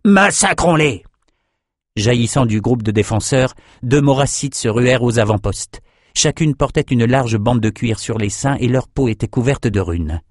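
A man narrating a fantasy audiobook in a steady, even storytelling manner. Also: medium pitch, normal speed, dry recording, clean studio sound. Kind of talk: scripted narration.

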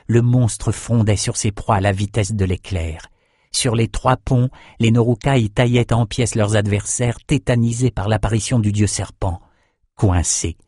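Low-voiced male fantasy audiobook narrator. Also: darkish tone, no echo, studio quality.

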